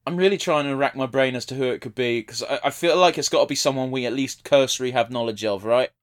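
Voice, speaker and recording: A man's voice: medium pitch, fast. A man giving casual, blunt, sweary commentary as a podcast co-host. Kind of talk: casual watch-along commentary.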